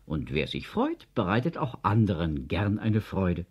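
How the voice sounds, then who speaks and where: A man voicing a meek, good-natured toy shopkeeper pleading gently. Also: low-pitched, wildly swooping pitch, measured pace, husky, heavily acted. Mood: earnest.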